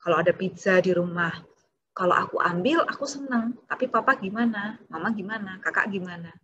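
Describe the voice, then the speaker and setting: A woman's voice: medium pitch, brisk, fairly bright tone, lo-fi sound, slight background noise. A woman child psychologist giving a parenting seminar talk, explaining step by step and now and then acting out what a child or parent might say.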